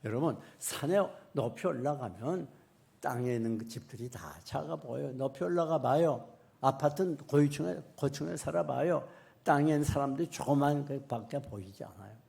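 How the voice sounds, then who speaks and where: Gravelly-voiced male pastor preaching. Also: medium pitch, normal speed, dark tone. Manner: conversational preaching with rhetorical questions. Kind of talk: sermon.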